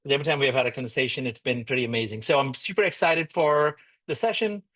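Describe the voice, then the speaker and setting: Man, event host, halting intro with restarts, dry close sound. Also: medium pitch, a bit bright, no room sound. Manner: halting, with many fillers and restarts. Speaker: alumni network president, event host. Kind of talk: introducing a speaker.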